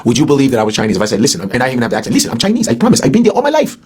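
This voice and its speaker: Brief: male comedian guest, very fast and animated, slightly husky voice. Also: mid-range voice. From born in the US to Nigerian parents. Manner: loud, profane, animated storytelling. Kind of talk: heated casual podcast talk.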